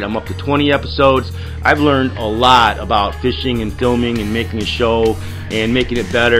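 A man narrates underwater fishing clips as the host of his own show, in a casual, rambling voice-over. He gets excitable as the action comes, leaning on fillers and restarts. Soft guitar music plays faintly underneath. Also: medium pitch. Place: studio voice-over, not the pictured lake.

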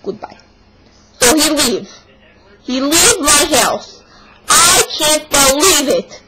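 With a high-pitched voice, lively intonation and a slow pace, a young woman delivers a comic monologue as a stubborn young Russian woman. She uses a put-on Russian accent and broken English with dropped articles, complaining with exaggerated indignation in a noisy home video.

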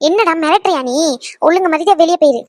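A woman's voice: very high-pitched, fast talker, darkish tone, dry recording. A woman voicing a young woman who firmly tells a pushy ex-lover to back off, in a cartoon dub. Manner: firm, scolding. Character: young woman turning away her pushy ex.

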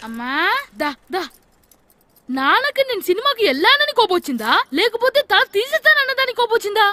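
An actor playing a mischievous schoolboy in a film comedy, talking in an excitable, cheeky child's voice over loud music. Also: male voice, extremely high pitch, a little fast, no echo, heavily acted. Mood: pleading. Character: mischievous schoolboy sneaking to the cinema.

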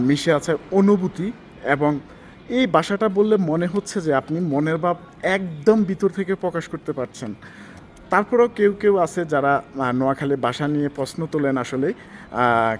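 Male interviewer with a high voice, mixes English words into his Bengali questions, faint noise behind.

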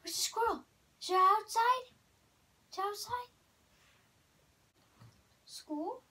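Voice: very high-pitched, slow pace, sharp tone, a little hiss or hum. A child or young teen talking to a dog in sing-song pet talk, coaxing with repeated words and short questions. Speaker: vlogger. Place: small carpeted bedroom, indoors.

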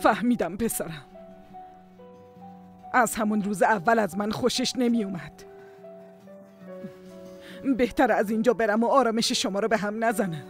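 A hurt but proud mother, dubbed by a woman in a drama series. Her voice sits in a middling pitch and stays dignified even in conflict. Soft music plays underneath. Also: pauses often, natural voice. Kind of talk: Persian dubbing of a drama series.

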